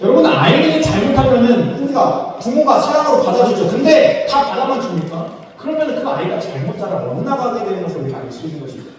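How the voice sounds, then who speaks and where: A man's voice: very high voice, big pitch swings, fast, few pauses, crowd noise. A man preaching a sermon as pastor, speaking conversationally and acting out quoted dialogue. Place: church sanctuary. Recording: echoey church hall, mic from far off.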